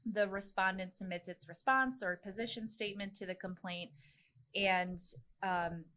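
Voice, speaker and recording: A woman's voice: mid-range voice, steady tone, moderate pace, bright, forceful tone. A woman hosting a legal podcast, asking questions in a friendly way and laughing lightly. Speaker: podcast host, employment lawyer. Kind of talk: interview hosting.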